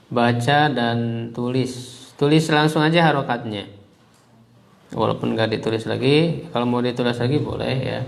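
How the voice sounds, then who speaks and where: Gravelly man teaching Arabic. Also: medium pitch. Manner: drills phrases slowly, leading group repetition. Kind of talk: classroom lesson. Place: classroom with students.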